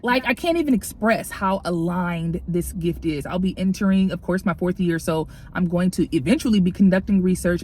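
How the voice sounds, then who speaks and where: A young woman doctoral student chatting in a casual vlog, excited and grateful, laughing often and sometimes whispering in a library study room. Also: mid-range voice. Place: walking outdoors, then a library study room.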